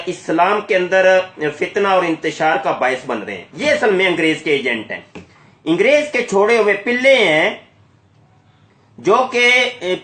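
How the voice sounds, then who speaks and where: A man's voice: sits high, a bit bright. A man hosting a live channel broadcast in an emphatic, accusatory, polemical way. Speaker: YouTube channel host making a live call. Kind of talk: polemical live commentary to listeners. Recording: echoey, roomy sound.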